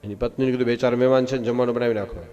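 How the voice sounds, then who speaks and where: A man from Gujarat, giving a devotional discourse full of folk stories, acting out the characters and rising loud at punchlines, recorded live through a PA. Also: mid-range voice, racing, muffled recording. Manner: animated storytelling, acts out voices of wife and husband, rises loud in punchlines. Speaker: katha storyteller. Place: live outdoor religious gathering.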